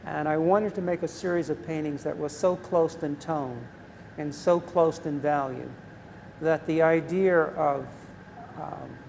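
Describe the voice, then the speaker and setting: A man in his seventies, an artist talking in a gallery conversation in a measured, reflective way, pausing with ums. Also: fairly high pitch, fairly even intonation, gravelly, a little mellow. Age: 70s. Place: large art gallery. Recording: reverberant gallery with faint noise.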